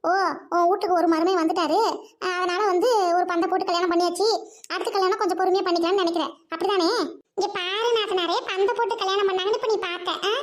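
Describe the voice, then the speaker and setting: A woman playing a sharp-tongued, quarrelsome village sister-in-law who nags and taunts in a comic family skit. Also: very high voice, fairly even intonation, fast talker. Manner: nagging, taunting, argumentative. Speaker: skit performer playing several roles.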